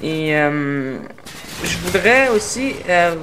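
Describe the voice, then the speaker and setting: A man's voice: a little high, expressive, takes it slowly, noisy background. Québécois gamer dude intro-ing his channel, lots of euh and restarts, trying hard to articulate. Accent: Québécois French. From Quebec, Canada. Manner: hesitant, many filler sounds and restarts; tries to articulate carefully. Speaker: gaming YouTuber. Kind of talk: casual channel introduction over gameplay.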